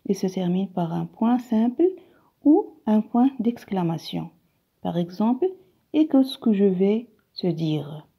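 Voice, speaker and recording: A woman's voice: medium pitch, lively intonation, slow, vocal fry, husky. A woman teaching a grammar lesson, patiently repeating each phrase and often dropping to a whisper. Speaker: primary school teacher. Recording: dull lo-fi recording.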